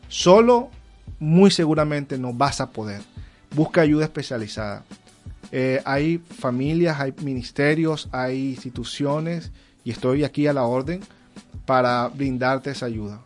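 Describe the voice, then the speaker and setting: An earnest man of mid pitch speaks in a preaching manner, telling a story with feeling. Quiet music sits behind his voice. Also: unhurried. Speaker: guest, ministry counselor. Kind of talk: faith interview, storytelling.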